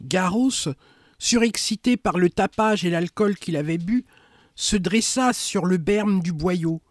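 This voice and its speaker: A man giving scripted documentary narration in a solemn, measured reading. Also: high-pitched, no echo, clean studio sound.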